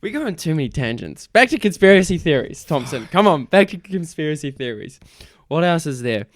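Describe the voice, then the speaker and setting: A man's voice: on the high side, very animated, brisk, no echo. A young man with a New Zealand accent, co-hosting a casual podcast, swearing and joking a lot as he talks. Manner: crude, joking, laughs often. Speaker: podcast co-host. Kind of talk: casual chat.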